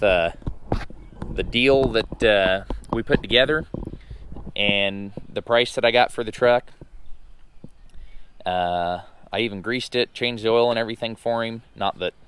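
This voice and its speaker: A man with a slightly hoarse voice, recovering from losing it, gives a casual vlog update in a folksy, halting, unhurried way. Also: lowish voice, fairly bright tone. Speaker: truck owner and vlogger.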